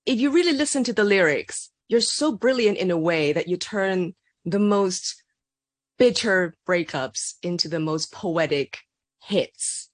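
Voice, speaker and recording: A woman's voice: fairly low pitch, lively intonation, measured pace, dry recording. A woman radio interviewer, enthusiastic and teasing with her guest.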